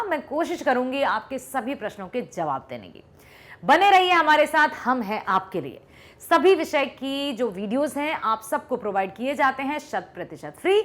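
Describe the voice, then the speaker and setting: A woman's voice: high voice, fairly bright tone. A woman teacher giving an online lesson, explaining step by step and often checking whether the students have understood. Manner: explanatory, asks checking questions. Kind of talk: classroom-style online lesson.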